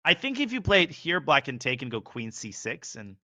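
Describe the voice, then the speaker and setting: A man's voice: mid-range voice, very animated, sharp tone. A man commentating live chess, analyzing positions and rattling off moves. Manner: analytical, calls moves rapidly.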